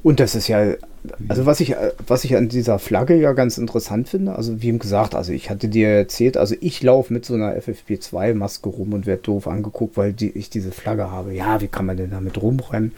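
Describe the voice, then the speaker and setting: A man's voice: lowish voice, a little fast, mellow, breathy edge. A man co-hosting a podcast in casual chat, rambling with many restarts and fillers. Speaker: podcast co-host.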